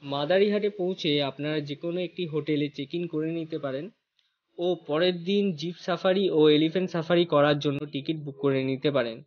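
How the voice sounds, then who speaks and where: Male travel host, voice a bit high, scripted guide read for viewers. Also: normal speed, highs cut off. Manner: addresses viewers as friends, lists costs and routes.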